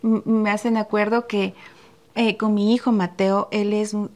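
A middle-aged woman on a podcast, telling a family story in a casual, animated way and acting out the dialogue. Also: medium pitch, unhurried. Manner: animated, acts out quoted dialogue. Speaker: podcast co-host.

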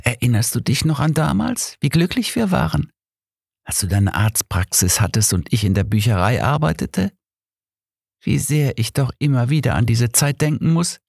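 A man's voice: medium pitch, sing-song, moderate pace, vocal fry, a little mellow, slightly rough, dry recording, clean studio sound, pitched above the performer's own voice, heavily acted. A man voicing the ghost of a dead wife who coaxes and pleads seductively.

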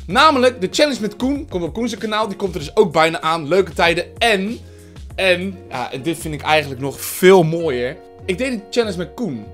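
A man chatting loudly and playfully as a gaming vlogger, joking around and slipping into silly voices. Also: high voice. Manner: loud, playful, jokey, shifts into silly voices. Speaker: gaming YouTuber. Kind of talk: excited gaming vlog chat.

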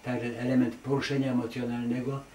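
A man's voice: mid-range voice, little pitch movement, a little fast, darkish tone. A man, an artist, answering interview questions in an emphatic, wandering way, full of hesitations and repeated denials. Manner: emphatic, digressive, with many hesitations and repeated "nie". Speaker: artist interviewed as award laureate. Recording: echoey room, distant mic, faint noise.

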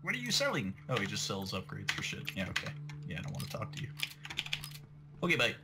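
A man's voice: fairly low pitch, quick pace, very noisy. A young man commentating a game with a friend, joking, laughing and swearing casually. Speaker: gamer. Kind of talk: let's play commentary. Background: game music.

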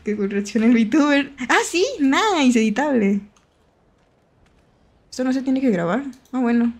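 A young Mexican woman with a Mexican accent streams a horror game as a VTuber, her voice sitting a bit high. She chats playfully with viewers, giggling and jumping at scares. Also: expressive, measured pace, a little mellow. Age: young adult.

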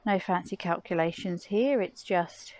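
A middle-aged woman casually narrating a gardening vlog, explaining things in a chatty, low-key way while filming on a phone. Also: unhurried, a little mellow, dry recording. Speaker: gardening vlogger and parent. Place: garden outdoors and at home.

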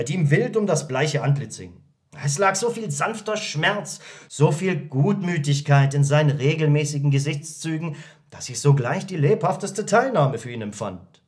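A man narrating a satirical story in an audiobook, telling it in a lively, expressive way. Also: a little high, normal speed. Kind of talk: scripted narration.

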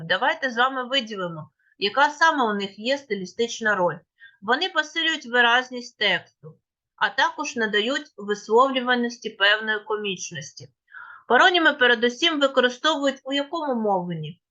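Woman teacher in a lesson, bright tone, methodical explainer, slightly muffled recording. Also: mid-range voice. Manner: explains step by step, asks and answers her own questions. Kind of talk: classroom lesson.

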